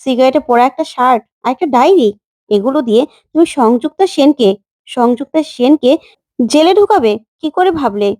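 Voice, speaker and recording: A woman's voice: high voice, expressive, a little fast, no room sound. Woman voicing Sanjukta, a taunting rich villainess. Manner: taunting, raised and sharp.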